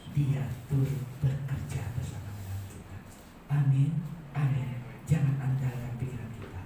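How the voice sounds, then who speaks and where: A man with an Indonesian accent preaching a sermon, swinging between loud shouted peaks and quiet joking asides with the congregation. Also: medium pitch, recorded from a distance, a little hiss or hum. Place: large church hall. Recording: very echoey hall, voice from afar.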